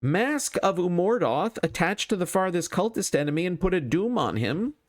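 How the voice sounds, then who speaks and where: A man's voice: sits high, very animated, normal speed. A man thinking aloud as he hosts a solo card game playthrough, casual and wryly self-deprecating.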